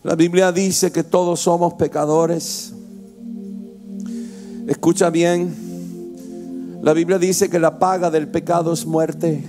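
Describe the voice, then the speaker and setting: High-voiced impassioned male pastor. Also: level tone, slow pace, long pauses, over music. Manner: impassioned preaching, swings from hushed to shouting. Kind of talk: sermon.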